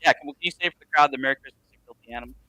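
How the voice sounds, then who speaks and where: A man's voice: medium pitch, very fast, sharp tone, no room sound, low-quality recording. A man hosting a live show, talking casually while his internet audio keeps dropping out. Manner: laid-back, says "man" and "like" a lot. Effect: online audio dropping out. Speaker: livestream watch show host. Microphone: internet call.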